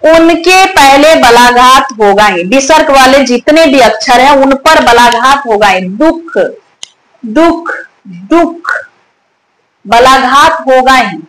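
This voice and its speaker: A woman with a high voice teaches a grammar lesson at an unhurried pace. She says example words over and over to show where the stress falls, and she stops often to put questions to her students. The recording is roomy and echoey, with a faint hum of ambient noise. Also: fairly bright tone.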